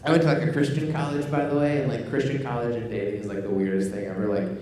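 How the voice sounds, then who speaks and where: A young pastor preaches a laid-back sermon, joking at his own expense as he tells stories. He talks quickly in a warm, mid-range voice with a level tone, and he sounds far off in an echoing hall.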